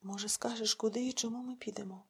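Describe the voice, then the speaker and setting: A woman voicing a frightened, gentle young village woman who speaks earnestly and pleads. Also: a little high, fairly even intonation, quick pace, vocal fry, slightly rough, heavily acted. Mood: earnest pleading.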